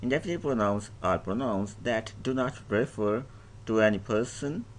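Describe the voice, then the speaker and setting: A man's voice: on the low side, expressive, moderate pace, a little hiss or hum. A man teaching an English grammar lesson who reads each definition, restates it in his own words, and lists example words one by one.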